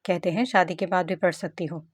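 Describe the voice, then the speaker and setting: A woman's voice: lowish voice, fairly even intonation, brisk, breathy edge, dry recording. A woman reading the lines of a gloomy, worried young female student in an audiobook story. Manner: gloomy, complaining.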